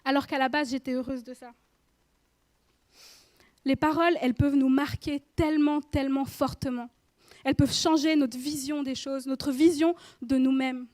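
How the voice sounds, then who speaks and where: High-voiced woman preaching conversationally. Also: fairly even intonation, normal speed, darkish tone, no room sound. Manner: chatty, speaks directly to listener with frequent questions. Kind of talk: informal sermon. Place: church.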